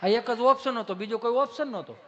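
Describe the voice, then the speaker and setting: A man's voice: extremely high pitch, fast talker, highs cut off. A man with a Kathiawadi Gujarati accent doing live stand-up, telling folksy stories with punchy rhetorical asides to the audience. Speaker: stand-up comedian.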